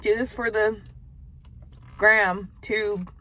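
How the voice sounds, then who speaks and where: A woman's voice: medium pitch, fairly even intonation, extremely slow, sharp tone, a little hiss or hum. A young woman chatting casually and profanely while eating in a parked car, often dropping to a near whisper. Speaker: mukbang vlogger.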